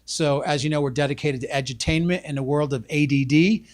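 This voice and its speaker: Brief: male host, casual live-TV patter, slightly higher pitch, lots of uhs. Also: fairly even intonation, a little fast. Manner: rambling, with many uh fillers and restarts. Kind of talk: casual live local TV talk.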